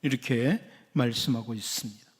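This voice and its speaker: A man's voice: mid-range voice, normal speed. Man preaching in a reverberant church. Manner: earnest, conversational preaching, acts out quoted questions. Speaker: pastor. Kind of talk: sermon. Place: church sanctuary.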